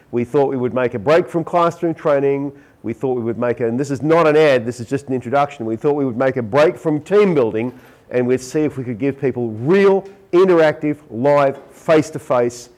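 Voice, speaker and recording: A man's voice: mid-range voice, a little mellow, poor audio. Chatty Australian man giving a talk. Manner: chatty, joking, with asides. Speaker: conference presenter. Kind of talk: conference talk.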